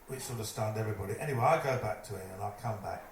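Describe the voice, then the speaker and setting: A man telling a lively stage anecdote, putting on other people's voices as he goes. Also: lowish voice, very fast. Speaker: storyteller at a live evening event. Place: live event venue, indoors. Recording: echoey room, distant mic, noisy.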